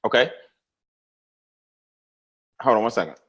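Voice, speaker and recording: A man hosting a live money webinar, greeting viewers by name and telling stories in a casual, animated way. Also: mid-range voice, unhurried, breathy edge. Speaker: webinar host.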